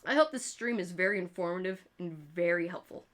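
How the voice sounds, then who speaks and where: In a low-ish, expressive, slightly bright voice at a fairly quick clip, a woman from rural upstate New York rambles through livestream chat as she draws. She's a streamer and artist with a regional accent who swears frequently and laughs at her own jokes.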